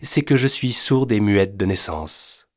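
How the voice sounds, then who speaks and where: A man reading aloud, voicing a young deaf-mute woman who explains herself in a crisp, slightly haughty way. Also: fairly low pitch, animated, measured pace. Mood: dry, composed. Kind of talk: storybook reading.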